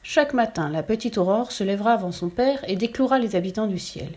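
A small boy god in a storybook, spoken by a woman reader. He sounds childish and matter-of-fact, brushing off complaints. His tone stays brisk and offhand. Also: mid-range voice, lively intonation, a little mellow, close to an everyday voice.

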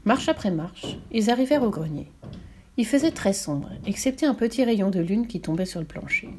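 A woman's voice: medium pitch, moderate pace, background noise. Woman reading a children's story aloud. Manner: expressive, animated reading. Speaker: narrator.

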